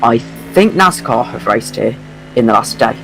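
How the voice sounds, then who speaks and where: A man co-commentating on a racing stream in a casual, chatty way. His voice sits at a medium pitch, with faint music and car sound underneath. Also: expressive, normal speed, vocal fry, low-quality recording. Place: at home.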